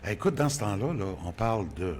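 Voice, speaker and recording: An older man with a Quebec French accent, a radio guest telling stories of his career in a casual, animated way. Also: fairly low pitch, fast talker, slight background noise. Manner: animated storytelling, exclamatory.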